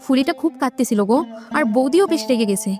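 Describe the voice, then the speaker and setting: A woman plays an upset young village woman in a cartoon, complaining in an agitated rush. Her voice runs high and fast and swoops widely in pitch. Faint music sits behind. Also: lively intonation.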